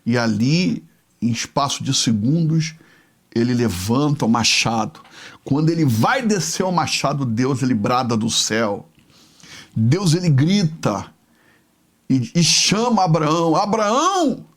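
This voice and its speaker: A man's voice: medium pitch, lively intonation. A man, a bishop, preaching a sermon as a dramatic, emotional retelling of a story. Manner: emotional, slow, dwelling on each phrase.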